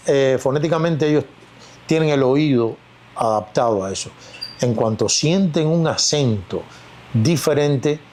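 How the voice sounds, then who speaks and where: A man's voice: medium pitch, darkish tone, slight background noise. Cuban man telling his story. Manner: reflective, storytelling, many fillers. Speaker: actor, interview guest. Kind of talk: casual interview talk.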